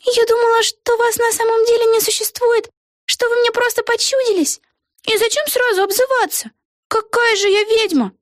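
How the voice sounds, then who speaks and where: A woman doing a timid, high young girl. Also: normal speed, dry recording, clean studio sound. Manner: earnest and plaintive, protesting. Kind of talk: audiobook voice acting.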